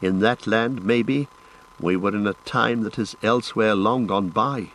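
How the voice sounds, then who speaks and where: A man doing a thoughtful young hobbit, quiet, low voice. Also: unhurried, rough recording.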